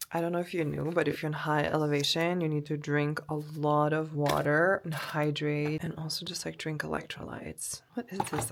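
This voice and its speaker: Gushing woman with a gravelly voice. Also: deep voice. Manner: gushing, excitable, often drops to a whisper. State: a bit out of breath from altitude. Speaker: beauty vlogger. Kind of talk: casual vlog chat. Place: hotel room.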